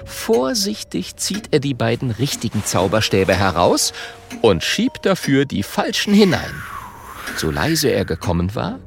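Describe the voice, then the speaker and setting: A man narrating a children's audiobook in a slow, expressive storytelling manner. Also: mid-range voice, vocal fry.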